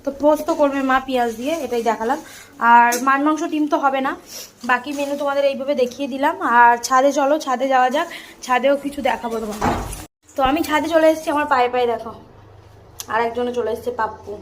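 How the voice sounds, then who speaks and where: A quick-talking young woman with a slightly high voice, filming a casual home vlog on her phone. She chats straight to her viewers and sounds a little out of breath. A faint hum of the surroundings sits behind her. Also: fairly even intonation. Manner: chatty, addresses viewers directly. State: out of breath from the heat. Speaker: family vlogger. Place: house and sunny rooftop, indoors and out.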